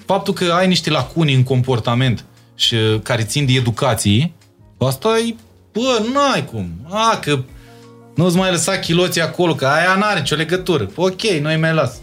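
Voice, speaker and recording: A man's voice: on the high side, expressive, a bit bright, soft background music. A young man with a Moldavian Romanian accent, speaking as an interview guest in casual talk and stressing his points by repeating words.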